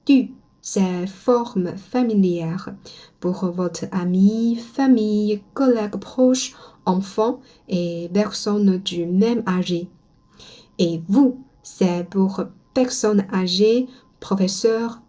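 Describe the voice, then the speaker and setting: A woman whose first language is Chinese, teaching pronunciation slowly and modeling each sound for learners to repeat. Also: mid-range voice, mellow. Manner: slow and careful, models sounds for repetition. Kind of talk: slow spoken language lesson.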